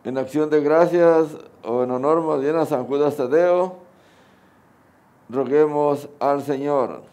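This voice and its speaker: Higher-voiced middle-aged Mexican priest. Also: male voice, slow, mellow. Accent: Mexican Spanish. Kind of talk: sermon and prayers at Mass. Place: outdoors under a canopy at an altar.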